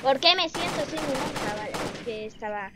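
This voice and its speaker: A woman, commentating her gameplay in an excitable way and often shrieking or laughing. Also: sits high, brisk, heavy background noise. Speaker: gaming streamer.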